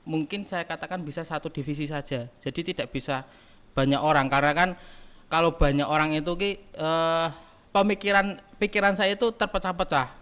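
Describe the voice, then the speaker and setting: A man in his early twenties, a student leader answering podcast questions in a halting way, often pausing to search for words. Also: on the high side, fairly even intonation, fairly bright tone, smooth. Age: early 20s. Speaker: guest, student council chairman. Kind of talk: casual podcast interview.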